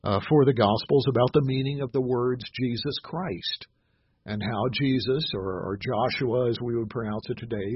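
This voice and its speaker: A man giving a sermon, often pausing with fillers and restarts, reading scripture aloud slowly and with emphasis. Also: medium pitch, breathy edge, no echo, highs cut off. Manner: halting, many "uh" fillers and restarts. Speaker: pastor.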